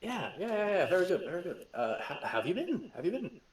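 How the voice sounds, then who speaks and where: Man doing a jittery young woman, British accent, high voice, stammering, chipper rambling, roomy room. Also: sing-song, fast talker, distant mic. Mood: nervous chatter.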